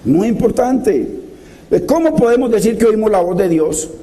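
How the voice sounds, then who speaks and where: A man preaching a sermon, his voice pitched high yet dark and mellow in tone. He exhorts his listeners passionately, asking question after question and calling them to listen. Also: expressive, moderate pace. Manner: impassioned, exhorting, repeated direct address.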